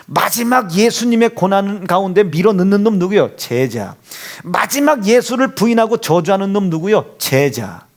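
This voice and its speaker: A male pastor preaching a sermon in a church, asking the congregation rhetorical questions and acting out quotes. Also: sits high. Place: church sanctuary. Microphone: handheld or stand microphone.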